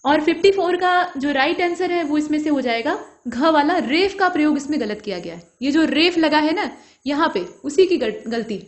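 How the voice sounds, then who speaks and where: High-voiced woman tutoring a Hindi grammar lesson. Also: animated, normal speed. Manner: talks through answers step by step, often checking with "ठीक". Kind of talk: explanatory lesson.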